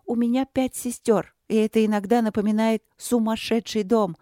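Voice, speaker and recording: A woman doing a pouty high girly princess, nosy, stubborn, audiobook, dry close voice. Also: steady tone, warm tone, dry recording, close to an everyday voice. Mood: earnest. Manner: pestering, quick questions. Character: young princess, chatty, stubborn, easily hurt.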